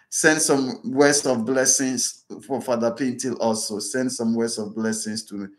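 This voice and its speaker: Ghanaian priest praying over and over, fervent, kinda roomy echo. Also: male voice, mid-range voice, fairly even intonation, unhurried. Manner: repetitive, fervent, exhorting. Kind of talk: leading prayers and blessings.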